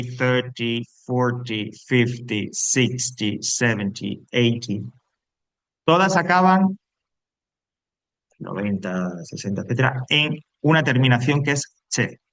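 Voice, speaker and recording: A man gives a recorded lesson, walking his students through each point one step at a time. He sits at a medium pitch and often stops to check that they are following. The sound is dry and close, with no room echo. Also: fairly bright tone. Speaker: English teacher.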